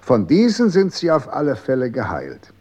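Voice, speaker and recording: An actor playing a cold, condescending official in a 1960s radio drama, calm and authoritative. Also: male voice, medium pitch, moderate pace.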